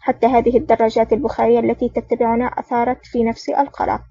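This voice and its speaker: A woman's voice: fairly high pitch, little pitch movement, rapid-fire, dark tone, distant mic. A woman reading the lines of an anxious young female lieutenant in an audiobook. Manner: nervous, worried. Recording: dull lo-fi audio.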